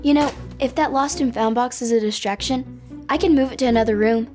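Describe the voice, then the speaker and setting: A woman's voice: a little high, a little fast, music in the background, lightly acted. An actress playing a sensible, helpful young woman in a kids' show, earnest and explanatory. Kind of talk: scripted kids' show acting.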